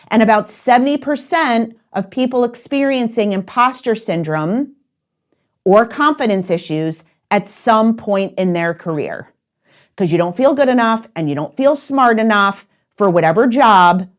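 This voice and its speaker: A woman in her forties hosting a solo career-advice podcast, speaking directly and coaching her listeners with repeated instructions. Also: mid-range voice.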